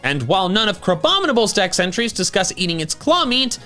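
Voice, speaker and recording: A man's voice: sits high, big pitch swings, brisk, pushed and bright, faint music behind. A man reading a scripted video essay with playful, wry commentary.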